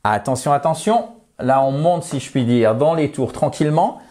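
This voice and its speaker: A man teaching English in a chatty, self-mocking way, slowing down to model English words. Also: medium pitch, lively intonation, mellow. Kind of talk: video lesson.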